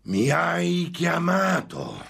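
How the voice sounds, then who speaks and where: A man voicing a scornful, menacing male demon tempter in an audiobook reading, slow and drawn out, swelling into shouts. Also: on the high side, wildly swooping pitch, vocal fry, husky, pitched above the performer's own voice, full character voice. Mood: coaxing.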